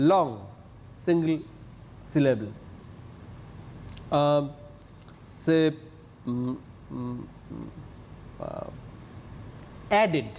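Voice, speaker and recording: A man's voice: a little high, darkish tone, a little hiss or hum. A male teacher, giving a TV lesson on English grammar and stressing his words and syllables. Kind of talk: TV classroom lesson.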